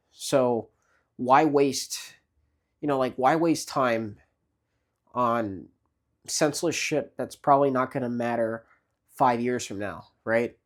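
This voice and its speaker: A man in his late twenties giving casual motivational advice, rambling with many fillers and restarts. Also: medium pitch. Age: 20s. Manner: frequent restarts and repeated words. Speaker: vlogger.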